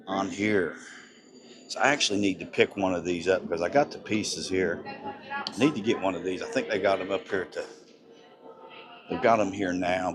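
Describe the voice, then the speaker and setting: A man live-streaming as he walks through an outdoor theme park at night, excited and a little breathless, rambling and chatting with passersby on a handheld phone. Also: sits low. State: slightly breathless. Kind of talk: casual walking live-stream chat.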